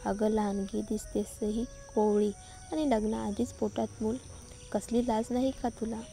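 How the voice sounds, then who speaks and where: A woman's voice: a little high, steady tone, unhurried, vocal fry, dark tone. A woman voicing a scornful, cruel young woman in a storybook reading, speaking in a cold, taunting way. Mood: mocking.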